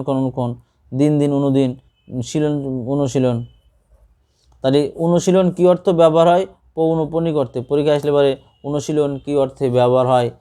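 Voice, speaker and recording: Guy tutoring for exams, runs thru word lists, asks then answers himself, warm-ish tone. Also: mid-range voice, clean tone. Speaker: teacher. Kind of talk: exam-prep grammar lesson.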